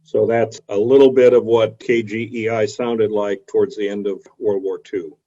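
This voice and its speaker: Over a video call, a man gives an explanatory history lecture somewhat hesitantly, at normal speed. His voice is fairly low and warm with little pitch movement, and the video call microphone yields dull audio.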